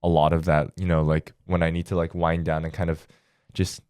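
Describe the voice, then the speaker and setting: A teenage guy from China co-hosting a podcast, chatting casually and leaning on fillers. His voice is very deep, and the sound is close and dry with no room echo. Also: level tone, brisk, a little mellow, clear, resonant tone. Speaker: podcast co-host. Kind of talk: casual chat.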